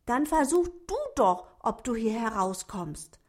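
A woman voicing a gentle, patient little female duck in a children's story. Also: fairly high pitch, sing-song, a little slow.

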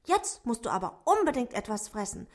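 A woman voicing a tiny, kind and helpful male dwarf in a children's story, calling out brightly and encouraging. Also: a little high, very animated, fairly quick. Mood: eager.

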